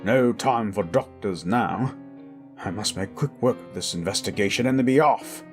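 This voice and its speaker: A man's voice: lowish voice, moderate pace, soft background music, lightly acted. A man voicing a fussy, self-important well-off businessman in a horror story, formal and pompous. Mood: brisk, dismissive. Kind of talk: acted dialogue in horror storytelling.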